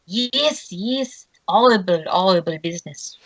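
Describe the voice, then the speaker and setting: A woman's voice: mid-range voice, expressive, measured pace. A woman voicing an overly friendly female tiefling wrestler, putting on a French accent and speaking eagerly. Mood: gushing. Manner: eager, gushing.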